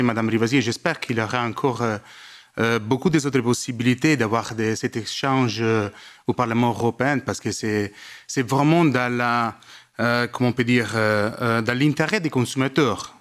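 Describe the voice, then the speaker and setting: A man from Italy with an Italian accent, speaking a non-native language haltingly as he addresses a seminar from the audience, often searching for words. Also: mid-range voice, fairly bright tone. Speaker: lobbyist asking a question from the audience. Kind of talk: spontaneous public question at a seminar.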